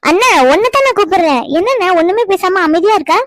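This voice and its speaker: A high, quick, bossy sister. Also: female voice, animated, dry recording. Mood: cheerful. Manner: scolding, teasing. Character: grown woman, sister, bossy but affectionate. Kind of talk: cartoon voice acting.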